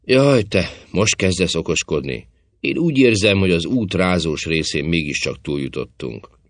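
A man's voice: deep voice, expressive, dry recording. A man reading an audiobook, voicing a vain, flirtatious stage actress who teases and coaxes in a coquettish manner. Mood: teasing. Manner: coquettish, teasing, affectionate. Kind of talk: audiobook character voice.

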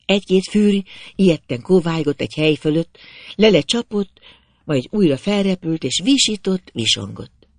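Gravelly male storyteller, dry sound. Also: fairly high pitch, dry recording. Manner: measured, expressive storytelling. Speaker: narrator. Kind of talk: literary audiobook narration.

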